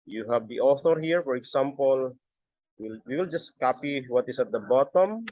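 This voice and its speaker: A middle-aged man giving a step-by-step software tutorial as an instructor, halting and often repeating his words. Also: mid-range voice, animated, no room sound. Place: busy area, on a video call or webcam setup. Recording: dull lo-fi audio.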